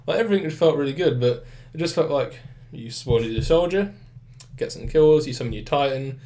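He's a young British podcast host with a fairly high, mellow voice, lively intonation, and a fairly quick pace. A head cold gives him a slightly nasal, stuffed-up sound as he chats casually about games, rambling, restarting, and acting out quotes.

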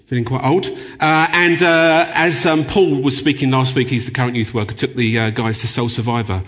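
Bright-voiced preacher in a reverberant hall. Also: male voice, medium pitch, fairly even intonation, moderate pace. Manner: chatty storyteller, many fillers. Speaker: guest preacher. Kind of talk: sermon with anecdotes. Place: church.

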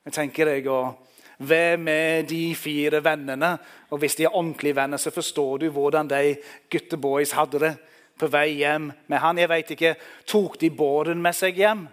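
A man's voice: a little high, fairly even intonation. A man preaching a sermon, telling the story vividly and speaking directly to the listeners.

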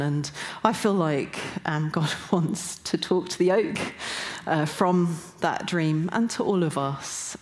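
Low-voiced British woman preaching. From Newcastle, England. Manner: earnest, self-deprecating, with frequent ums and soft laughs. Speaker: church speaker. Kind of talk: sermon.

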